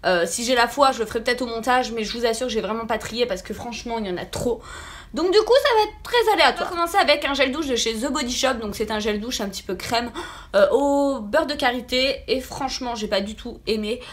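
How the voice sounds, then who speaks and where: With a fairly high, lively voice, a woman talks fast and casually to viewers in a beauty product review. A clear lisp makes her s sounds slushy, and she sounds slightly sick. Like a typical beauty vlogger, she repeats words for emphasis.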